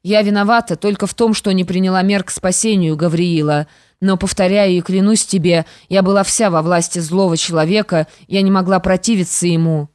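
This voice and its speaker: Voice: mid-range voice, steady tone, a little fast, a little mellow, no echo, studio quality, natural voice. An audiobook reader voicing a once-proud stepmother who now speaks bitterly and pleads. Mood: pleading, bitter.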